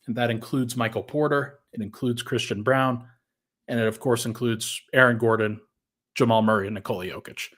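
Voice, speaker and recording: A man's voice: medium pitch, fairly even intonation, moderate pace, a bit bright. A man hosting a casual sports podcast, thinking aloud in a conversational way and sounding a little out of breath. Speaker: podcast host.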